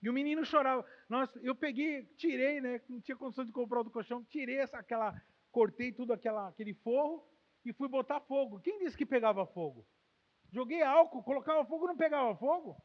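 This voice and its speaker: A Brazilian man preaching a sermon as pastor, emotional, swinging from loud exclamations to quiet, intimate tones. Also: very high voice, fast. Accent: Brazilian Portuguese. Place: church hall. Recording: long hall reverb, dull lo-fi sound.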